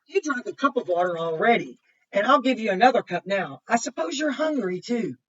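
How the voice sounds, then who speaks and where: Brisk and expressive, this woman's slightly rough voice sits on the high side. She is a kindergarten teacher reading a picture book aloud, adding simple explanations, pointing things out, repeating, and asking the children questions. A distant microphone makes the recording muffled.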